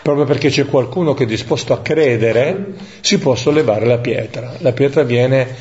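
A man leading a Bible study, teaching in a reflective way that thinks aloud, with pauses and tag questions. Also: medium pitch, a little mellow, muffled recording, slight background noise. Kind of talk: lectio divina teaching.

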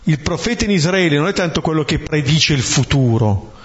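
A man's voice: fairly high pitch, animated. Reflective Italian-speaking man giving a homily. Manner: slow, reflective, with rhetorical "eh?" tags. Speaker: preacher. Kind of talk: homily on scripture. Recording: dull lo-fi recording.

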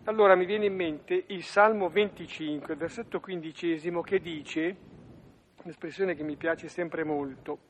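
Man, scripture reflection, slightly high voice, hesitant pauses, faint noise behind. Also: fairly even intonation. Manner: very slow, pausing with hesitant fillers. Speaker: participant in a bible reflection.

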